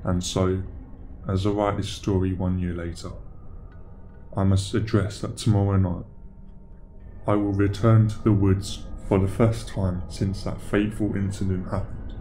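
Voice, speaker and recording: A man narrating a first-person horror story in a slow, measured, somber delivery. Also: sits low, flat delivery, warm tone, faint music behind.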